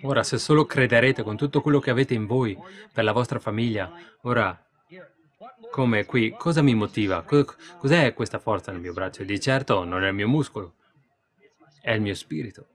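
A man's voice: on the low side, normal speed. Emphatic preacher man. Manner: emphatic, frequent "see?" asides; builds to excited storytelling. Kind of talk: sermon with questions and answers.

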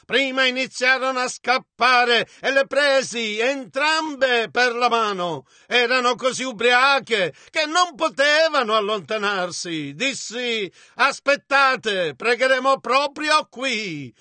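A man voices a translation of a sermon in a measured, steady delivery. His voice is very high and bright. The sound is dry and close. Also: no echo. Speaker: interpreter.

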